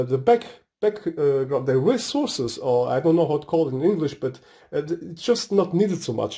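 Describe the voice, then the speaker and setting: Brief: Portuguese-accented man, a bit high-pitched and warm, casual tech reviewer, hesitant non-native English, drifts off topic. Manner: rambling, hesitant, searching for words. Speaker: tech video host. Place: home room with a fireplace.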